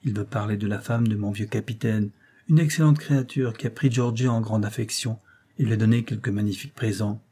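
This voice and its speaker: A man's voice: lowish voice, fairly even intonation, brisk, mellow, husky. A man voicing a whining, self-pitying old grandfather in an audiobook, complaining and ingratiating.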